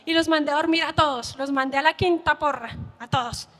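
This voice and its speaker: A woman's voice: sits high, a little fast, fairly bright tone. A woman preacher telling a heartfelt, tearful personal testimony in a sermon. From Colombia. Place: church hall. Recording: long church hall reverb.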